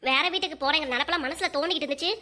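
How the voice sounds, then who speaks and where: A woman's voice: high-pitched, rapid-fire, bright, forceful tone. A woman voicing a bossy older mother-in-law in a cartoon, harsh and threatening. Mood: scolding.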